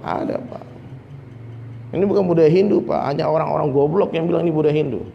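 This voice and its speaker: A man preaches a dawn sermon in a fairly high voice, chatty and direct, often turning to the listeners and slipping in jokes and impressions. His voice rings through a big hall with a long reverb, over a faint hiss of noise. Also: brisk, creaky, dull audio. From Minangkabau, West Sumatra. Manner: conversational preaching, keeps addressing listeners as "Pak", jokes and mimics people.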